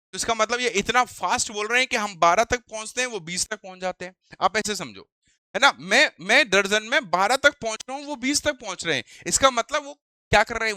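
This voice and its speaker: A male teacher explaining vocabulary in Hindi and English, who asks rhetorical questions and reads English phrases slowly. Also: high voice, pushed and bright, dry recording, clean studio sound.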